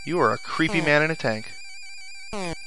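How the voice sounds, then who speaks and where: This let's play commentator has a voice on the high side, expressive and at normal speed, as he casually muses and reads out bits of the game's story. Game music and sound effects play behind the voice on a rough recording.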